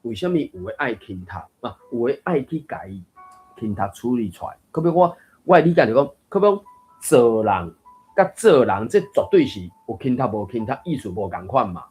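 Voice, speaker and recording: A man's voice: mid-range voice, very animated, brisk, a little mellow, slightly rough, faint music behind. Musing man in a Taiwanese language chat. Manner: thoughtful, musing, with fillers and laughs. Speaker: reading group host. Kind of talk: casual discussion of Taiwanese texts.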